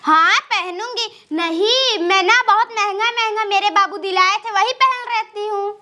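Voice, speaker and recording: A woman's voice: very high-pitched, unhurried, pushed and bright, heavily acted. A woman with an Awadhi accent playing a pampered, newly married young daughter who shows off and whines in a comedy sketch. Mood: boastful. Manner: showing off, whiny.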